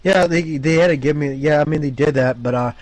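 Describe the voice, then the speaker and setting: A man in casual chat about games, excitable and tripping over his words with quick restarts. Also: fairly high pitch, no room sound, rough recording.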